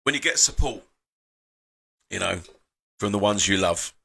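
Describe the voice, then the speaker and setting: A man's voice: fairly low pitch, expressive, unhurried, creaky, pushed and bright, husky. A man hosting a casual live stream, chatting with frequent fillers and sighs as he reads out viewer comments.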